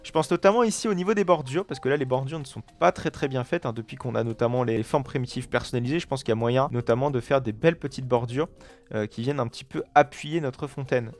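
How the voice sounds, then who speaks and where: A man's voice: mid-range voice, fast talker, soft background music. A man giving casual let's play commentary as he builds in a game, narrating every step and dropping playful little sound effects. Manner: chatty, self-narrating, fills with "voilà" and playful "hop hop" and "bam" sounds. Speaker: gaming video creator.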